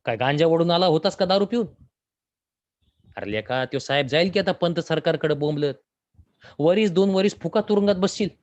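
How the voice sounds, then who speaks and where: A man's voice: on the high side, animated, moderate pace, long pauses, darkish tone, voice pushed up, natural voice. Man playing a chiding villager, warning tone, muffled audio. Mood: scolding. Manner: scolding, warning.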